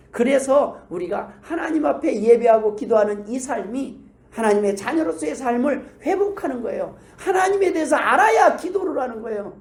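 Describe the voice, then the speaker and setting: A man's voice: high voice, darkish tone. A male pastor giving a conversational sermon in a church, asking the congregation questions and acting out prayers in different voices. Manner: acts out prayers and replies in changing voices. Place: church sanctuary. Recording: roomy echo.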